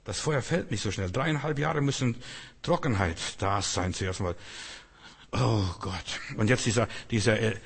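Husky male preacher in an echoing hall. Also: fairly low pitch, unhurried. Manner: emphatic, repetitive, often asks the listeners "verstehst du". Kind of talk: sermon. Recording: long echo of a large hall.

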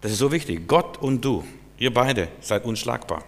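A man preaching a sermon emphatically, swinging between loud declarations and quiet asides. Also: medium pitch, animated, moderate pace. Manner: emphatic, rising and falling dynamics. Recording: echoey hall reverb.

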